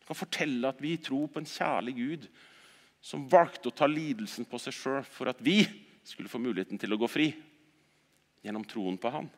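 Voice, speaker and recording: A man preaching a sermon at a church service, swinging between loud exhortation and quiet earnest talk, often repeating words as he restarts sentences. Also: medium pitch, in a large hall.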